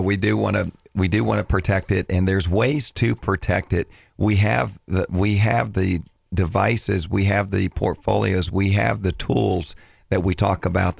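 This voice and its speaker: A man with a low, very creaky voice, scratchy as if his throat is worn from talking. He speaks as a financial coach in casual radio talk, circling back and repeating phrases as he goes. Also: no echo, clean studio sound. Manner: rambling, repeats and restarts phrases. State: scratchy, slightly hoarse voice from much talking. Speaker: financial coach, show regular.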